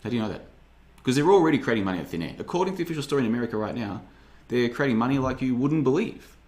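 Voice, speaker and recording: A thirty-something man hosting a podcast reads the live chat at a racing clip, his mid-range voice expressive and a little mellow. He rambles and mocks, shifting into sarcastic impersonations as he goes.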